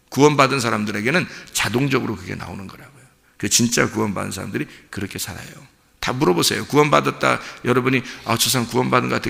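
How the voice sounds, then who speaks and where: A male pastor preaches in a church sanctuary, and his voice is gravelly and bright. He keeps turning to the congregation with rhetorical questions. A long hall reverb trails behind his words. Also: mid-range voice. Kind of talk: sermon.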